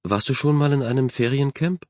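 A man's voice: medium pitch, a little fast, darkish tone, no room sound, highs cut off, voice pushed up, lightly acted. A man voicing a shy, insecure girl who speaks timidly and hesitantly. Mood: sad. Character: shy, self-conscious chubby girl.

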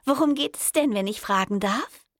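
A woman reading an audiobook plays a young female intern answering the office phone. Her voice jumps high and sweet. She is overly polite, with a bell-like brightness. The recording is close and dry. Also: normal speed, no echo, natural voice. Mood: sweetly polite.

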